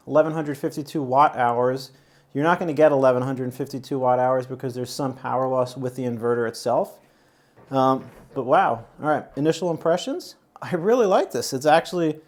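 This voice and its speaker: A chatty YouTube channel host with a mid-range voice rambles through a casual unboxing and product review. He's out of breath and speaks with many fillers and restarts.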